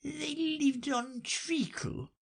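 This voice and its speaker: A reader voicing a sleepy, feeble little dormouse with a hoarse, soft voice, speaking slowly and drowsily. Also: high-pitched, animated, pitched above the performer's own voice, full character voice. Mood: drowsy. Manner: soft, drawn-out, dozy delivery.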